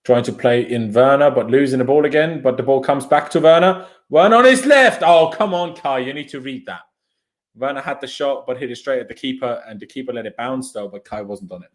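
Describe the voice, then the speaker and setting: A young Austrian man whose native language is German talks briskly in a medium-pitched voice while streaming a football watchalong. His commentary is casual, chatty and opinionated, and he reads viewer comments out loud.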